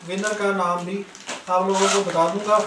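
Goods lie spread on the floor of an indoor room as this shop seller and video host, a man with a Pakistani accent, demonstrates products informally and explains them. His voice is high and level, moving at a moderate pace. Faint noise and a distant mic give the audio a roomy feel.

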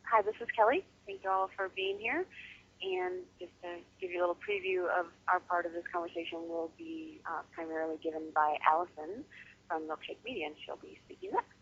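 Low, husky woman on a phone call. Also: expressive, a little fast, a bit bright. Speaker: marketing director, webinar panelist. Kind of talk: introducing herself on a webinar call. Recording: muffled phone-line audio.

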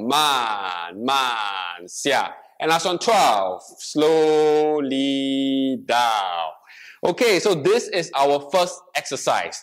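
A man's voice: on the high side, a bit bright. A young man leading a fitness class in a gym room, alternating English and Mandarin as he demonstrates and counts repetitions. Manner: switches between English and Mandarin line by line, counting reps. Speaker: fitness instructor. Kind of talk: bilingual exercise class instruction. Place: bright indoor gym room with treadmill.

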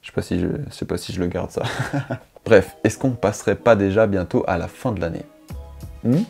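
A young YouTuber's deep, husky voice, a little mellow with vocal fry, comes at a normal speed over faint background music. He rambles to camera about his year in a slangy, self-mocking, unscripted monologue, recorded on a lapel mic in a dim indoor bedroom studio.

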